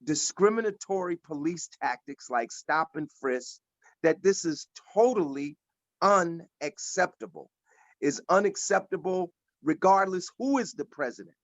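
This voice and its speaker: A man's voice: high voice, animated, a little slow, no echo. A man in his sixties speaking earnestly and emphatically in a casual discussion, often repeating words as he builds a point. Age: 60s. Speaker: panelist at an activist forum. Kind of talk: casual discussion on a video call. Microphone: video call. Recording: dull lo-fi video call audio.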